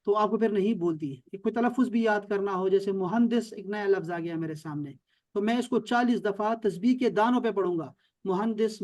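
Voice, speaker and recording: A man's voice: sits high, a little mellow. A man teaching an online language class, emphatic and drilling words over and over on a video call. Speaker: Arabic teacher.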